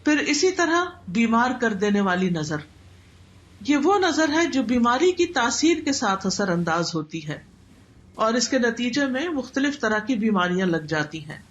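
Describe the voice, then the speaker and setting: A woman giving a religious lecture in a measured, explanatory teaching manner. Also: fairly high pitch, very animated, muffled recording, slight background noise. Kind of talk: Islamic lecture in Urdu.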